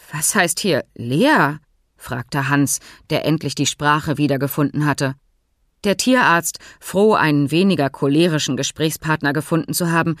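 A woman narrating an audiobook in a steady, measured reading. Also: deep voice, no room sound, clean studio sound. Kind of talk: scripted narration.

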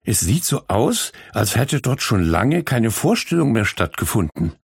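A man voicing Minna, a kind female animal who speaks softly and comfortingly in a children's storybook. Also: medium pitch, big pitch swings, measured pace, gravelly, husky, no echo, clean studio sound, heavily acted. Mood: gentle. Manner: soft, comforting, hopeful.

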